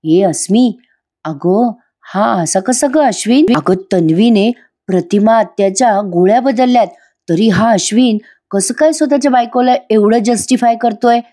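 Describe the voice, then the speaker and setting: A woman's voice: fairly high pitch, normal speed, pitched above the performer's own voice, lightly acted. A woman voicing a young man whispering puzzled gossip to his companion. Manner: hushed, puzzled.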